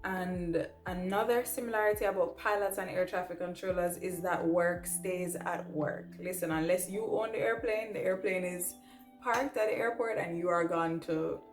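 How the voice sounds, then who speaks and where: She's a young adult vlogger from Jamaica, a pilot who is also training in air traffic control, talking to camera at a moderate pace in a fairly low voice. Conversational and emphatic, she tends to wrap up points with "right?" to check in with the viewer. Echo and background music fill the recording.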